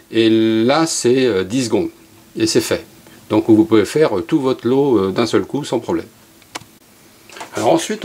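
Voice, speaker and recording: An archery instructor in middle age gives a casual, chatty demonstration at a hands-on workshop, wandering into asides and using many fillers. He speaks in a mid-range voice.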